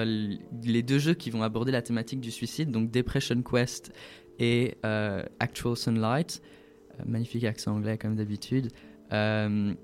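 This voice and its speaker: A man's voice: medium pitch, a little mellow. A man explaining video games in a casual talk, hesitant, with many fillers and restarts. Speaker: guest presenting a video game event. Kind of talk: casual radio chat.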